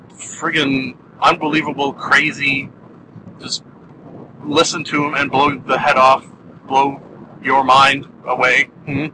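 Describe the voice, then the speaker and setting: A man's voice: mid-range voice, noisy background. A man giving a casual spoken review, rambling and self-deprecating, with many fillers and restarts.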